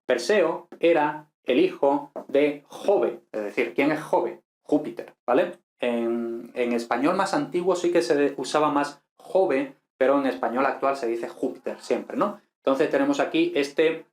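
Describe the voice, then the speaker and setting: A man teaching Latin, explaining a text in a relaxed, chatty way with many fillers and questions tacked on at the end. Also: mid-range voice, measured pace. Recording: roomy echo.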